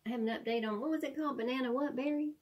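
A woman tasting candy off-camera, giving short, quiet replies. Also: sits high, very fast. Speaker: vlogger's mother, off-camera taster. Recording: distant off-mic with clear background noise.

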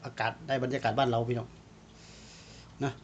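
A man's voice: mid-range voice, level tone, moderate pace, dull audio, a little hiss or hum. A man with an Isan Thai accent talks casually to his viewers while grilling over charcoal, calling them brothers and sisters. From Northeast Thailand. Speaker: cooking vlogger. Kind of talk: casual cooking vlog talk.

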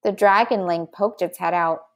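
A woman reading a children's book aloud in slow, careful storytelling. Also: on the low side. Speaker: narrator.

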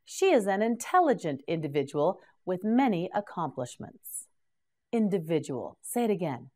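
A woman teaching English vocabulary, saying each word slowly and patiently prompting the learner to repeat it. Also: fairly low pitch, big pitch swings, darkish tone. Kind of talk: slow drilled word repetition.

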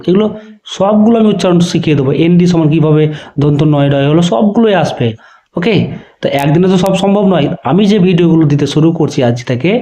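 A man's voice: fairly high pitch, warm tone. Man teaching letters, dull lo-fi sound. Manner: checks understanding with repeated questions, spells letters out slowly. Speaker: online teacher. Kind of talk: spoken lesson to students.

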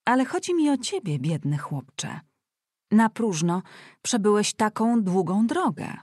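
A woman reading an audiobook voices a fussy, grumbling widowed aunt who exclaims and scolds loudly. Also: mid-range voice, very animated, unhurried, breathy edge, dry recording, clean studio sound, voice pushed up.

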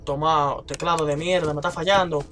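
Male gamer, young, Caribbean Spanish accent. Panicky, sweary, bright forceful voice over faint game music. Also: on the high side, fairly even intonation, brisk. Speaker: gamer recording gameplay with commentary. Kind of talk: horror game commentary. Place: small room at home, indoors.

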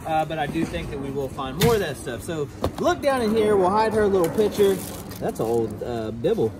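A man in his thirties with a drawl talks straight to a handheld camera outside storage units, chatty and quick with jokes. His pitch swings widely and sits a little high. Steady outdoor noise runs behind him. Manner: chatty, animated, jokey asides. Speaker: storage unit vlogger. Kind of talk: casual unboxing chat to camera. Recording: outdoor recording with clear background noise.

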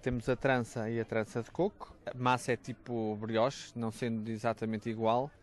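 A man's voice: mid-range voice, flat delivery, moderate pace. A man with a European Portuguese accent, a stall seller explaining his pastries. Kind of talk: casual interview.

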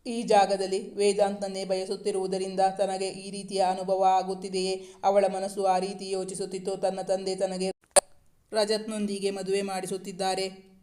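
A man narrating a romance story in a steady reading voice, with small restarts. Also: high voice. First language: Kannada.

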